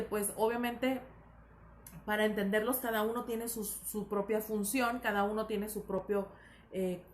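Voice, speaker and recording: A woman's voice: fairly high pitch, a little hiss or hum. Woman teaching in an echoey room. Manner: explanatory, with frequent fillers and self-corrections. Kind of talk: recorded language lesson.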